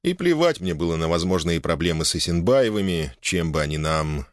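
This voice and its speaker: A man reading a novel aloud as narrator, in a wry, lively manner. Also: sits low, fairly quick, no echo, clean studio sound. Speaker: audiobook narrator. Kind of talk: scripted narration.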